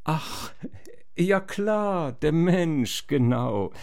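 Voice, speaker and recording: A man's voice: low voice, big pitch swings, takes it slowly, dark tone, no echo, clean studio sound, full character voice. A man playing cocky, dim Oedipus. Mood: relieved. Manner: cocky, whiny, comic rhymed speech. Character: cocky, slow-witted young king Oedipus. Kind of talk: comic rhymed performance.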